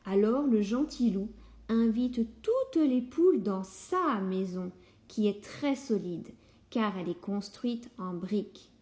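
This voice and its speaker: A woman reads a children's story aloud at a slow, unhurried pace. Her voice is mellow and soft-edged, and her delivery is calm. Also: mid-range voice.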